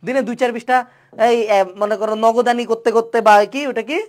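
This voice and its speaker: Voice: medium pitch, steady tone, fast. A young online tutor giving a playful webinar lecture. The tutor asks many rhetorical questions and mixes English words into the talk.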